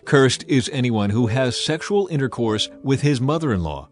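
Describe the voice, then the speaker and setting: Voicing a commanding prophet in dramatized scripture, a man speaks to his people in a solemn, stern and condemning mood. His natural mid-pitched voice is animated yet deliberate and declamatory, with music plainly heard behind him.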